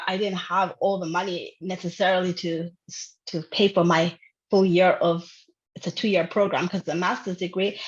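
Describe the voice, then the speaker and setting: A young woman from Uganda, a filmmaker, talking casually in an interview over a video call, chatty with lots of fillers. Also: on the low side. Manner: chatty, many fillers, laughs often. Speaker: filmmaker guest. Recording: dull lo-fi video call audio.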